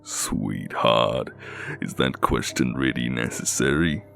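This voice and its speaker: A man voicing a young male kidnapper in a scary story, with a low, haunting voice and a slow, teasing, falsely sweet manner. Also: creaky, a bit bright, soft background music, heavily acted. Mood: smug.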